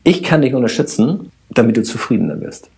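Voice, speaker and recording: A man, a systemic coach and podcast guest, explaining his work calmly with everyday examples. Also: medium pitch, a little fast, creaky, slightly rough. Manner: explains with everyday examples, addresses host directly. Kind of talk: calm explanatory conversation.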